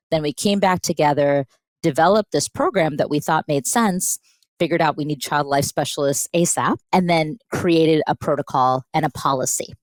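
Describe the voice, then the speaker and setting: Low-voiced woman, animated podcast guest. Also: no echo. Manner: animated storyteller, acts out quoted dialogue. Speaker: pediatric intensivist guest. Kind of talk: conversational podcast interview.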